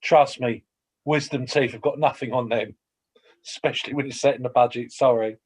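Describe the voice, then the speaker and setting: A man's voice: medium pitch, fairly even intonation, normal speed, husky. A man chairing a council committee meeting, making wry joking asides.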